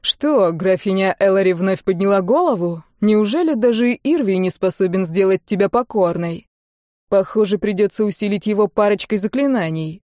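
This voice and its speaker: A woman voicing a cruel, mocking adult male duke who talks slowly with contempt. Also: mid-range voice, expressive, a little mellow, no room sound, studio quality, natural voice. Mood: sneering. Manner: slow, sneering and contemptuous.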